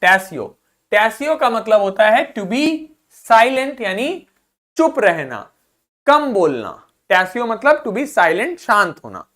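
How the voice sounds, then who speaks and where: A woman's voice: mid-range voice, big pitch swings, slow pace, a bit bright. A woman with an Indian accent teaching an English vocabulary lesson, repeating each word to drill its pronunciation and asking questions that she answers herself. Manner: asks students questions and answers them herself.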